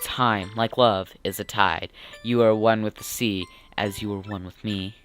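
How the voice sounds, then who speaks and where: A man voicing an old, grieving sailor who is a living bomb, speaking slowly, low and solemn. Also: fairly even intonation, a bit bright, faint music behind. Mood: mournful.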